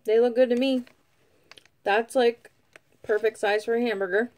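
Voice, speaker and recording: A woman's voice: fairly high pitch, fairly even intonation, normal speed, a little mellow. A woman giving a casual product review at home, chatty and rambling with lots of fillers, sometimes talking while eating. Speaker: vlogger reviewing food.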